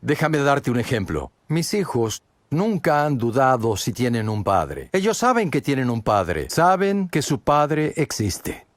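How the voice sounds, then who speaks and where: Man preaching with a lively, rising voice. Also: medium pitch, measured pace, no room sound. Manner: asks many rhetorical questions; earnest and direct, addressing the listener. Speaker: pastor. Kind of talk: sermon.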